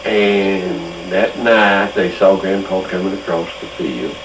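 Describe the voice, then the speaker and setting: An older man, telling family memories in a slow, halting, emotional way. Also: deep voice. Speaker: storyteller. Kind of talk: casual reminiscing. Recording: echoey room with noise.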